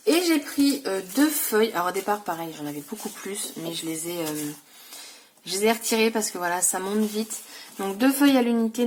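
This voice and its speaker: Chatty woman with faint background noise. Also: mid-range voice. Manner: chatty, many fillers and self-corrections. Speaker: scrapbooking vlogger. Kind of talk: casual haul video.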